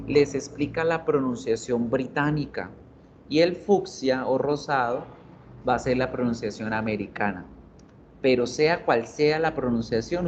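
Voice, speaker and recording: Patient male teacher, muffled call audio. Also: medium pitch. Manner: patient, repeats words slowly for students. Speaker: English teacher. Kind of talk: online class explanation. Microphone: computer mic on video call. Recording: dull audio with faint noise.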